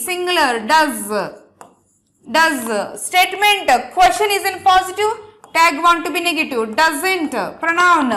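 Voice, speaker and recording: Bright, high-voiced Telugu-accented woman teacher. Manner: dictates examples slowly, then explains in rapid Telugu mixed with English; repeats key words and checks in with students. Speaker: English grammar teacher. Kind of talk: online exam-prep grammar lesson.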